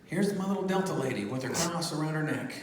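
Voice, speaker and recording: A man telling a story between songs on a church stage, animated, then dropping to a hushed voice. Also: fairly high pitch, fast talker. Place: large church hall with an audience. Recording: echoey church hall, crowd reacting. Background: audience responses.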